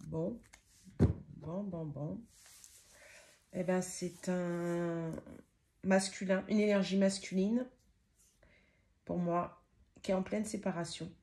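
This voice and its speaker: A middle-aged woman giving a spiritual tarot reading at home, chatty and exclamatory, dotting her speech with "hein", sometimes rushing and stammering, with a sniffly nose. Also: fairly low pitch, steady tone, dark tone. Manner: chatty, interjecting with frequent "hein", exclaiming over the cards; speaks fast and stammers at times while channeling. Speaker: tarot card reader. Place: home with dogs nearby.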